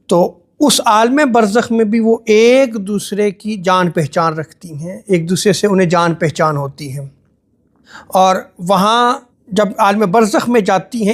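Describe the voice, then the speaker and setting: A man giving a religious lecture as an Islamic preacher, calm and explanatory, rephrasing each point. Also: high voice.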